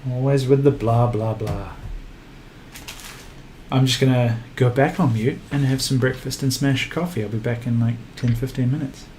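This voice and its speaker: A man's voice: mid-range voice, steady tone, moderate pace, a little mellow. Man with a thick Kiwi accent, noisy audio. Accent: thick New Zealand. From New Zealand. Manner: joking, teasing, self-mocking. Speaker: livestream host. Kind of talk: casual livestream chat.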